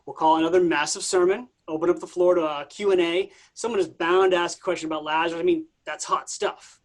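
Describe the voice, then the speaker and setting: An actor playing a laid-back, vain Jesus who talks like a slangy bro in a staged comedy reading. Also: male voice, high-pitched, steady tone, quick pace, natural voice. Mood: breezy. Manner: casual slangy dude speech. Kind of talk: staged reading of a comic play.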